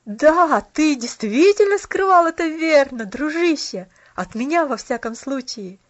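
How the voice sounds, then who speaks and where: A woman reading aloud, voicing a cheerful, steady young man who speaks in warm, hearty exclamations. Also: sits high, normal speed, no room sound, muffled recording. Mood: delighted.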